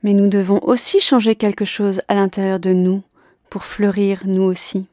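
A woman voicing a gentle, wise flower spirit, speaking calmly and slowly. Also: mid-range voice, no room sound, clean studio sound, lightly acted.

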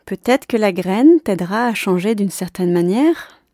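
A woman voicing a gentle, wise flower spirit, speaking calmly and slowly. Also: mid-range voice, no echo, clean studio sound.

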